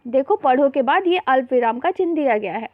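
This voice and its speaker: Tinny, high-voiced woman teaching children. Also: lively intonation, fairly quick. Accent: Hindi, mixing English terms. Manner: addresses children as beta, explains patiently with repeated examples. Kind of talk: worksheet lesson for young children. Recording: tinny phone-like voice-over.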